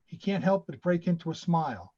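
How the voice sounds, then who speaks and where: A man reading screenplay stage directions over a video call in a steady, matter-of-fact way. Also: fairly high pitch, fairly quick, muffled recording.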